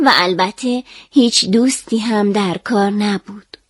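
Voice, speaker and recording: A woman calmly and expressively reading a children's story aloud. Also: mid-range voice, husky, no room sound, studio quality.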